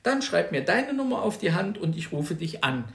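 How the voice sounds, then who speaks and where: A man voicing a calm young woman, an art student and mother, who answers briefly and matter-of-factly. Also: sits high, normal speed, vocal fry, roomy sound, exaggerated voice.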